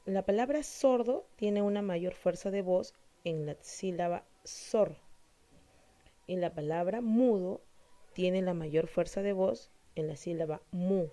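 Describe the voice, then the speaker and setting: A woman teacher explaining a grammar lesson slowly and deliberately, asking her pupils questions and then answering them herself. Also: lowish voice, mellow.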